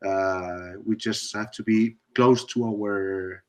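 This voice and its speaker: A man's voice: fairly low pitch, steady tone, slow pace. Hesitant man with a Basque accent. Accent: Basque Spanish. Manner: hesitant non-native English. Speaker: film-maker guest in live chat. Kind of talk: casual live video chat. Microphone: video call.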